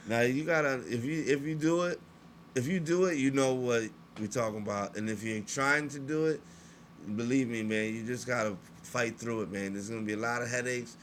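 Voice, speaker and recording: A man's voice: medium pitch, moderate pace, a little hiss or hum. A man hosting a live stream, talking in a casual, slangy way with many restarts. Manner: laid-back, slangy, talks in restarts. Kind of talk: casual chat.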